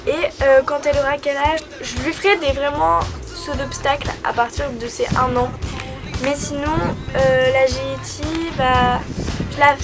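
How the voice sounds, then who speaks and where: A young woman from France with a high, light voice reads out viewer questions and answers them casually. She talks in a chatty, hesitant way, and music plays clearly underneath. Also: steady tone, moderate pace. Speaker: dog-owner vlogger answering viewer questions. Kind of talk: casual FAQ chat. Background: background music.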